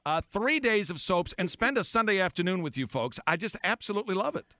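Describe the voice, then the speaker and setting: Male radio host for contest promo. High-pitched, forceful, excitable, dry studio sound. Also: fairly quick, dry recording. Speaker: morning show host. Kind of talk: upbeat radio show hosting with contest promo.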